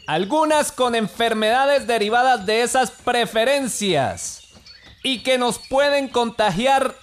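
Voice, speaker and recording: An actor playing a prejudiced army sergeant addressing troops in a measured, disapproving way, in a public-service drama. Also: male voice, very high-pitched, lively intonation, full character voice.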